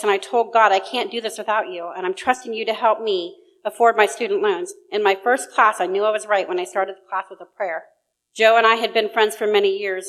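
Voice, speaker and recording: A middle-aged woman stands before her church and reads her personal testimony. Her voice is ordinary and mid-pitched, and her delivery is earnest and steady throughout. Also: poor audio. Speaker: church member giving testimony. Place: church sanctuary.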